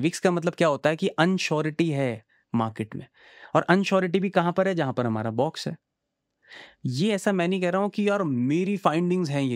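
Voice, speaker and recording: A man talks through charts in a casual, friendly lesson, often pausing to check that the listener is keeping up. His voice sits a bit high for a man. The recording is close and dry, no room sound. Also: dry recording. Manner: chatty, reassuring, asks the viewer "samjhe?". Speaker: trading teacher. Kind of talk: casual screen-share chart tutorial.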